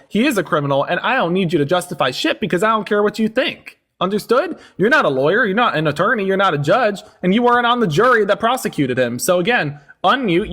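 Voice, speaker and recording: A man's voice: sits high, fairly bright tone. A man hosting a live-stream debate, mocking and domineering, talking over his guest.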